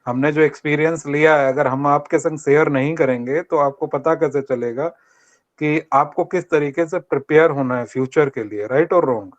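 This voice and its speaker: An older man from Rajasthan, India, speaks at a fairly high pitch and moderate pace as a guest speaker at a college workshop held over an online video meeting. He gives students an earnest motivational talk and asks them to answer back. The call audio is dull and lo-fi.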